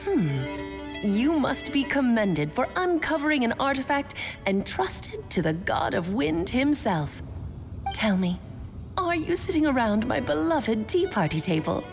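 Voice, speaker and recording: A woman's voice: on the high side, sing-song, measured pace, soft background music. A woman voicing a grand, playful mother witch who speaks theatrically and coyly and tells an ancient story, in a video game. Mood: storytelling. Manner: theatrical, coy.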